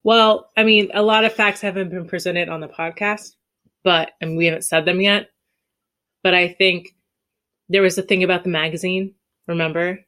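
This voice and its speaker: A woman's voice: on the low side, fairly even intonation, moderate pace, a bit bright. A woman debating casually on a podcast in an informal, skeptical way.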